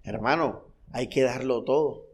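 A man from the preaching a sermon. He speaks with fervent repetition, asks the congregation rhetorical questions, and swings between soft, low passages and loud, high bursts. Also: unhurried, gravelly, a little hiss or hum. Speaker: pastor. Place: church hall.

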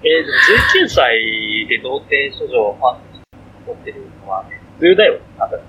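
A man's voice: mid-range voice, sing-song, moderate pace, narrow, tinny audio, a little hiss or hum. A young man co-hosting a casual podcast livestream, rambling and apologetic, slipping into a Kansai accent. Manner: rambling, self-deprecating, slips into Kansai dialect. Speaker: podcast co-host.

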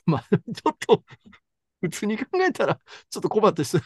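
Animated Kansai-accented man chatting. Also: sits high, normal speed, husky, dry recording, studio quality. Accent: Kansai Japanese. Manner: animated storyteller, reads passages aloud. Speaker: podcast co-host. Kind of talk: casual book chat.

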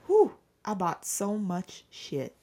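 A woman's voice: mid-range voice, wildly swooping pitch, slow, warm tone. A young woman co-hosting a podcast in casual, joking chat, firing off rhetorical questions. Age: young adult. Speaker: podcast co-host. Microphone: remote call recording.

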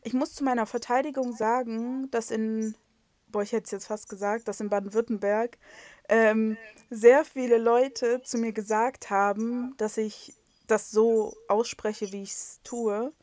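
A young western German woman from North Rhine-Westphalia rambles through a casual podcast conversation over a video call, self-mocking and full of fillers and restarts. Her fairly high voice is steady, unhurried, and a little mellow, and the recording is dry.

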